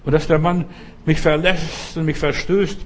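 A man's voice: on the high side, flat delivery, normal speed, natural voice. A man doing a wailing, tearful pleading woman.

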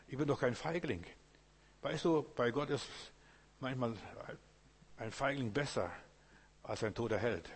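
Male preacher, slightly husky, talks straight to the congregation, long hall reverb. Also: medium pitch. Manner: addresses listeners directly with rhetorical questions. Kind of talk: sermon.

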